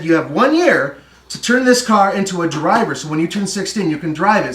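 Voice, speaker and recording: A middle-aged man from California hosting a car show, telling casual stories with lively anecdotes and dry asides while seated on a living room floor. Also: a little high. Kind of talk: casual storytelling chat. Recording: roomy echo, distant mic.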